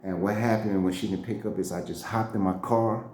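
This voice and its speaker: A man's voice: lowish voice, fairly even intonation, fairly quick, a little mellow, a little hiss or hum. A man around forty telling a story in casual slang, laughing often and acting out what people said. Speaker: storyteller, channel host. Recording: roomy echo.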